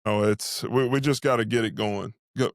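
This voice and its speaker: Man, even-toned halftime football commentary. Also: on the low side, a little fast, no room sound, clean studio sound. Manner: speaks as an invested fan, saying "we". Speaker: sports show host and analyst.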